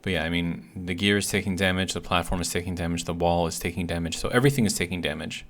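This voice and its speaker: A man's voice: low voice, fairly even intonation, fast talker, fairly bright tone. A man giving casual gameplay commentary as a video host, thinking aloud hesitantly, with slightly awkward articulation. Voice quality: slightly awkward speech from a healing bitten tongue. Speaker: host of a gaming video series.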